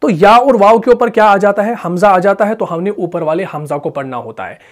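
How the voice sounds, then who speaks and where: A man with a Pakistani Urdu accent teaching Quran recitation. He asks questions and answers them himself, and stretches out the example words slowly. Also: high voice, expressive. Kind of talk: tajweed lesson.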